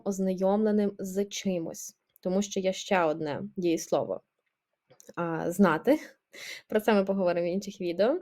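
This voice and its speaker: Woman teacher walking thru verb endings, patient, keeps checking in, mid pitch voice. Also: darkish tone. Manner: patient, explanatory, checks in with "так?". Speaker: language teacher. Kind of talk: explaining grammar lesson.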